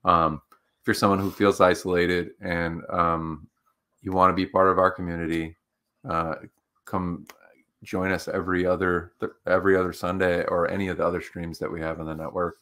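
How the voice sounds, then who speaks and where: This livestream talk show co-host has a low voice with a sharp tone and flat delivery at a moderate pace. His chatter is upbeat and rambling, packed with fillers.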